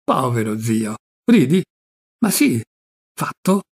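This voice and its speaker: A man reading aloud and voicing a shy, cheerful young woman who answers softly and coyly. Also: mid-range voice, big pitch swings, slow, breathy edge, exaggerated voice.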